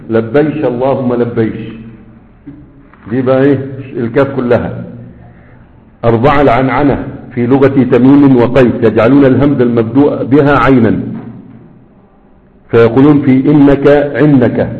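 A male teacher with an Egyptian accent reads from a text and stops often to quiz his class and repeat key words. His voice sits at an ordinary middle pitch. The sound is thin and phone-like, with a long echo trailing behind it. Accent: Egyptian Arabic. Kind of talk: classroom lecture, reading a text aloud and explaining it. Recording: tinny phone-like audio in a long-reverb hall.

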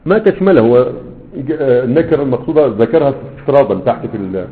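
A man's voice: medium pitch, expressive, quick pace, breathy edge. A man with an Egyptian accent teaching grammar, reciting verses and quizzing listeners with rhetorical questions. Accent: Egyptian Arabic. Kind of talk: recitation and explanation lesson. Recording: tinny phone-like sound.

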